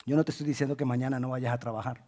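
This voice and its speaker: A man preaching a sermon, moving between hushed pleading and loud emphatic calls, and acting out the voices in the stories he tells. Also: medium pitch, level tone, very fast. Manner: acts out quoted voices in storytelling. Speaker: pastor.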